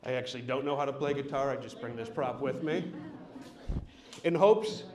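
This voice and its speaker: A man's voice: medium pitch, moderate pace, far from the mic, noisy background. A man doing a stand-up set in an art gallery, telling a story with lots of swearing and acting out the people in it. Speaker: stand-up comedian. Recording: echoey room.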